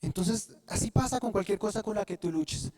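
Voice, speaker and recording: A man preaching a sermon, often pausing to have the congregation fill in the word, and restarting phrases as he goes. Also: high-pitched, darkish tone. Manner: asks the congregation to fill in words. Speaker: pastor.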